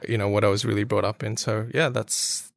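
A man's voice: on the low side, fairly even intonation, brisk, gravelly, no room sound, studio quality. A man from Australia, a guest talking casually and a little hesitantly about his suit business and upbringing. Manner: hesitant, with fillers and restarts. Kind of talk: casual interview chat.

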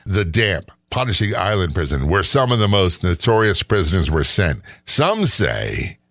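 Sarcastic, skeptical lower-voiced man. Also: sing-song, moderate pace, fairly bright tone, no room sound, studio quality. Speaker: podcast co-host. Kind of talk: casual chat.

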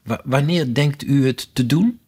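A man's voice: mid-range voice, unhurried, darkish tone, slightly rough, voice pushed up. A man reading a storybook aloud and voicing a polite, puzzled young girl who asks earnest, wondering questions.

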